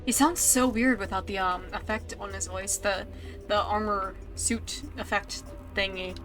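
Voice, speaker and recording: A woman's voice: medium pitch, fairly even intonation, measured pace, a bit bright, faint music behind. A woman hosting a let's play, chatting casually about the game and reading its narration aloud.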